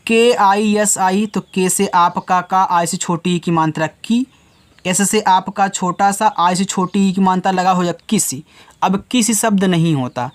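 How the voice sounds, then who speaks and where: Patient male teacher spelling words slowly. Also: sits high. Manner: spells out letters slowly, then explains each sound patiently; addresses the viewers as children. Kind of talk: spoken lesson for children.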